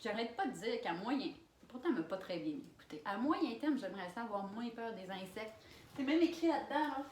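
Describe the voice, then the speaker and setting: A young vlogger with a Quebec accent, by herself in a room, tells a story briskly in a slightly high female voice, full of laughter and loud exclamations. The distant camera mic makes the sound roomy, with slight background noise.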